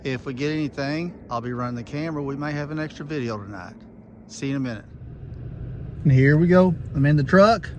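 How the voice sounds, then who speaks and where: A plain-spoken, folksy host of a gear review video talks casually to camera during a field test of walkie-talkies, both outside and in a truck. His voice sits on the high side, brisk and a little mellow, with the highs cut off. Vehicle and outdoor noise fill this noisy recording.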